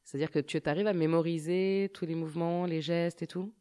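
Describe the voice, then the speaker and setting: A woman's voice: fairly low pitch, steady tone, fairly quick, dark tone, clear, resonant tone. A woman hosting a casual radio chat, asking her guests many encouraging questions. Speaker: radio host.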